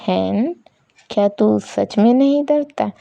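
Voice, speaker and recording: A woman's voice: mid-range voice, slow, mellow, no room sound. Woman voicing a teasing, bold young man. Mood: probing. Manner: rough, mocking slang.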